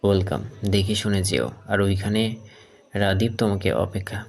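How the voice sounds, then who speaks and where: A woman doing a deep gravelly young man. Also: normal speed, darkish tone. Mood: reassuring. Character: young man, calm and helpful older brother-figure. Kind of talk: audio story acting.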